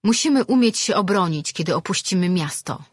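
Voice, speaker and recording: Defiant young boy, curt answers, husky low-ish tone, read by a woman. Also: animated, a little fast, dry recording, clean studio sound. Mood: determined. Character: merchant's son, stubborn proud young boy.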